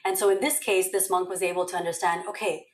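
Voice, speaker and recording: A woman's voice: lowish voice, fairly even intonation, quick pace. A woman meditation teacher telling a story and drawing a lesson from it, chatty and loose, often checking in with "okay?" and "right?". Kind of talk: casual spoken storytelling and teaching. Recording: roomy echo.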